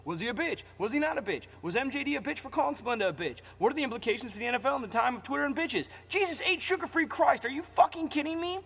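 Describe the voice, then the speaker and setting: A man's voice: very high voice, expressive, quick pace, gravelly, hardly any pauses, a bit bright, slightly rough, long reverb tail. A man delivering a furious, profane scripted rant. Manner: angry, profane, ranting. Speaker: ranting commentator.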